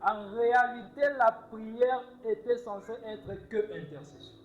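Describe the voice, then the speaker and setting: A man preaching a sermon in short phrases, pausing for his interpreter and rising to emphatic cries. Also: sits high, lo-fi sound, faint music behind.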